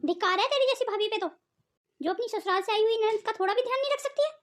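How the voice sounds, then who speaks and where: A woman's voice: very high voice, quick pace. A woman voicing a harsh old mother-in-law in a cartoon, taunting and scolding in a melodramatic way.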